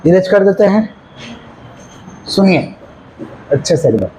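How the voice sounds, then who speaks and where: A male commerce teacher giving a classroom lecture, asking the class again and again if they follow, and slowing right down to dictate. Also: high-pitched, big pitch swings, very noisy. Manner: repeatedly checks understanding with questions; dictates slowly, then rattles off explanations.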